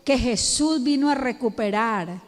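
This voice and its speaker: A woman pastor with a Colombian accent delivering an emphatic sermon, drawing out words and rising to peaks. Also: on the high side. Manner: emphatic, slow, drawn-out preaching with rising peaks. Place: church hall. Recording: long church hall reverb.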